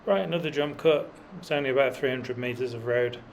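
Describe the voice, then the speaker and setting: Pedaling up a mountain road, a middle-aged man who vlogs about cycling keeps up a rambling, self-mocking patter thick with fillers and dry humor. His mid-range voice is gravelly and fairly quick, with a bit of noise in the background.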